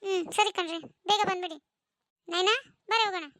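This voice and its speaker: A woman voicing a devoted village mother of two in a family cartoon story, in a gentle, homely way. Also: extremely high pitch, fairly even intonation, fairly quick, dry recording, clean studio sound.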